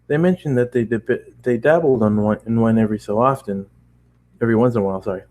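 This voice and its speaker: Speaking fast in a mid-range, darkish voice, this amateur fan-fiction reader narrates a story while worn out and flagging. He frequently stumbles and rereads lines.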